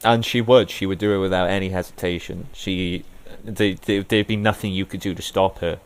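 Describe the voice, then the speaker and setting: A man's voice: low voice, fairly even intonation, moderate pace, clean tone. A man co-hosting a casual review podcast, enthusiastic and rambling with many "like"s. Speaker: podcast co-host.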